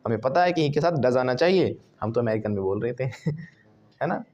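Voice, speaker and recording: A man with an Indian accent teaching a spoken English class, animated, drilling his students with call-and-response repetition. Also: mid-range voice, brisk, lo-fi sound. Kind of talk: classroom lesson.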